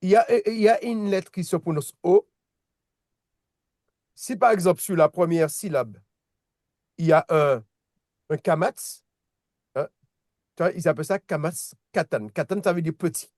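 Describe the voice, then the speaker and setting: A man's voice: fairly high pitch, normal speed, long pauses, a little mellow, no room sound, clean studio sound. A man teaching a language lesson in a casual way, often restarting and repeating words while checking that his students follow. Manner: patient, checks understanding with "d'accord?". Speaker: Hebrew teacher.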